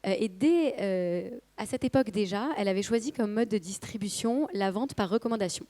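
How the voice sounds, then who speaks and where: A woman with a hoarse voice that is giving out, speaking hesitantly as a guest telling a company story at a conference. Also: mid-range voice, fairly quick, warm tone. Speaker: company co-founder and marketing director, guest speaker.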